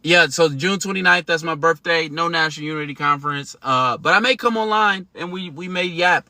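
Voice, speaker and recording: A man's voice: fairly high pitch, pushed and bright, no room sound. A man in his thirties hosting a casual livestream, talking to viewers in a slangy, emphatic, chatty way. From United States. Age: 30s. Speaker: livestream host.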